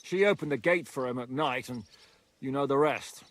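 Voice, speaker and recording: An actor playing a blunt, hot-tempered outlaw comrade in a video game, speaking with emphasis. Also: male voice, mid-range voice, moderate pace, a bit bright, no room sound, close to an everyday voice. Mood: grim, knowing. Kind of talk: video game dialogue acting.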